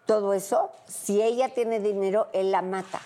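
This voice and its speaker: A woman's voice: mid-range voice, steady tone, moderate pace, mellow. A middle-aged woman with a Mexican accent, a brash panel guest who tells stories and acts out the dialogue. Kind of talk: casual panel chat, storytelling.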